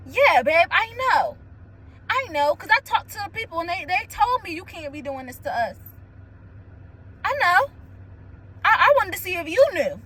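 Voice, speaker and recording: A young woman hosting a casual solo chat, telling stories candidly with lots of "like" and quick laughs. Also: very high-pitched, a little hiss or hum, rough recording. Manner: candid, animated storytelling with frequent "like" and laughs. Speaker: podcast host.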